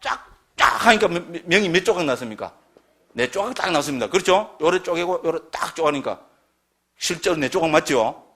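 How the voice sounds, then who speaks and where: A man's voice: fairly high pitch, lively intonation, fairly quick, fairly bright tone. A middle-aged man giving a classroom lecture on Buddhist scripture, constantly quizzing his listeners with questions.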